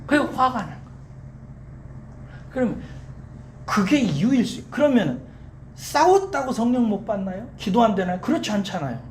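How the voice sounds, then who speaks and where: A pastor preaching a sermon, telling a story and asking the congregation rhetorical questions, slowing down to stress key words. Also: mid-range voice, animated, slight background noise. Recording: echoey church hall, faint ambience.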